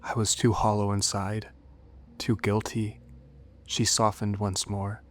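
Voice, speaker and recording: A man reading a scripted first-person horror story in a measured, dramatic way. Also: on the low side, little pitch movement. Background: music under the voice.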